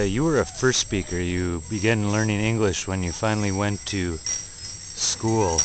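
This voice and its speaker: A man interviewing outdoors, asking slow, searching questions with frequent fillers. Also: lowish voice. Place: outdoors at a powwow. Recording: outdoor recording with loud background noise.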